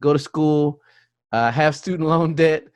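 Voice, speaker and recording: A man's voice: a little high, measured pace, a little mellow, smooth, no room sound. A man hosting an interview, talking in a chatty way with jokey asides and frequent restarts. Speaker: podcast host. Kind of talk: casual interview chat.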